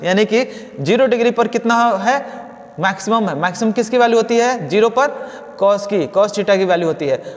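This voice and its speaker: A man's voice: high-pitched, moderate pace. A man teaching physics as a classroom lecture, asking questions aloud and answering them himself, often adding a tag question for agreement. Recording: dull lo-fi audio with long reverb.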